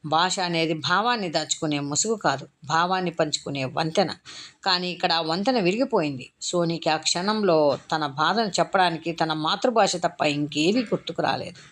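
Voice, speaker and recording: A woman narrating a short story in a measured, literary reading. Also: fairly low pitch, fairly bright tone.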